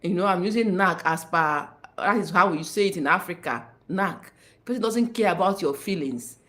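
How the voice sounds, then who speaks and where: A woman giving relationship advice as a life coach on a livestream, talking in an animated, emphatic way and repeating her key points. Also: on the low side, normal speed. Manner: animated, dramatizing, emphatic repetition.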